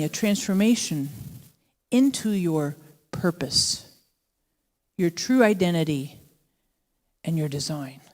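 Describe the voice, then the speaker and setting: A woman's voice: mid-range voice, a little mellow. A woman pastor giving a sermon, telling the story in a casual, conversational way and briefly acting out the voices of its characters. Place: church. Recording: long church hall reverb.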